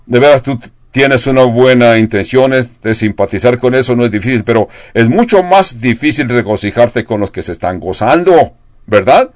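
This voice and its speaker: A man's voice: mid-range voice, lively intonation, normal speed, no echo, clean studio sound. An older man preaching a sermon in Spanish, asking his congregation rhetorical questions. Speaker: pastor.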